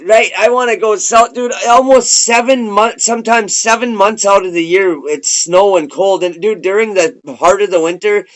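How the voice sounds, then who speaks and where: Casual male interviewer from Minnesota, high voice, loose rambling delivery. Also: moderate pace, hardly any pauses, poor audio. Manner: laid-back, rambling, swears casually.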